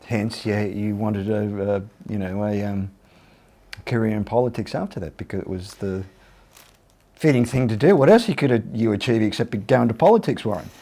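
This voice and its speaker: A man's voice: lowish voice, normal speed, warm tone. A man hosting a casual interview, joking, swearing and rambling through his questions. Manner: jokey, swears, laughs often, rambling questions. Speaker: interview host.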